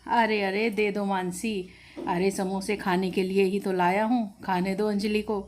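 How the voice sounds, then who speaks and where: A woman's voice: medium pitch, level tone, measured pace, darkish tone, pitched below the performer's own voice, close to an everyday voice. A woman voicing an easygoing young husband who talks in an indulgent way.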